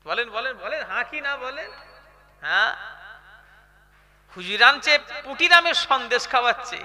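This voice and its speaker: A young man with a West Bengal Bengali accent preaching a live sermon. He keeps asking the crowd to answer him, and swings between quiet chat and loud, chanted outbursts. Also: very high-pitched, lively intonation, moderate pace, soft background music. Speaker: Islamic preacher. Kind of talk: live sermon at a religious gathering.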